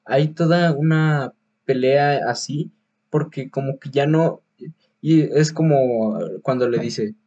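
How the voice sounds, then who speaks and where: A man with a Mexican Spanish accent chats casually about films as a podcast host, circling his points with fillers, restarts and street slang. His voice is husky and sits in a middle pitch. The recording sounds dull and lo-fi. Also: takes it slowly, warm tone. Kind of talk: casual film review chat.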